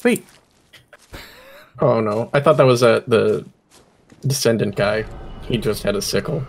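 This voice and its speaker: A man's voice: mid-range voice, a little slow, vocal fry. A man chatting casually as a companion on a game stream. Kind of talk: casual chat over gameplay.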